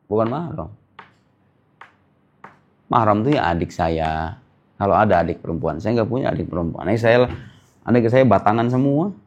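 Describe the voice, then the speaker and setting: Man, Islamic lesson, conversational, rhetorical questions, joking. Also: mid-range voice. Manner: lively, questions the class and answers himself; casual, joking. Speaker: Islamic teacher. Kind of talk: informal religious lesson.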